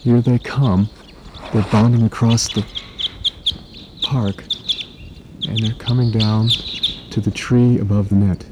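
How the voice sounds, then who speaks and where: Hushed man dictating field notes outdoors. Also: steady tone, slow pace, pauses often, background noise. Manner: low, hushed, clipped observations, each ending in "stop". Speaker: field researcher logging bird activity. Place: outdoors at a forest clearing at dawn.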